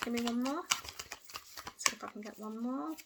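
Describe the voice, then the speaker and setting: A woman's voice: on the high side, vocal fry, very noisy. Hesitant woman giving a tarot reading. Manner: hesitant, hedging with frequent fillers and restarts; intuitive, repeats "I feel". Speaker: tarot reader. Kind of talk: casual tarot reading to camera.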